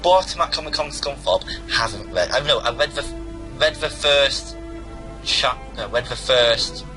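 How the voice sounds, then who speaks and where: A man's voice: medium pitch, lively intonation, measured pace, over music, rough recording. A young man co-hosting a casual podcast, chatting with enthusiasm, repeating himself and swearing casually. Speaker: podcast co-host.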